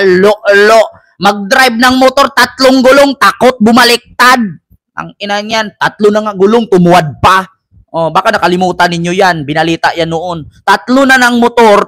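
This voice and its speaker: A man's voice: high voice, a bit bright. A man hosting casual political commentary, rambling and mocking, and mixing English phrases into his talk.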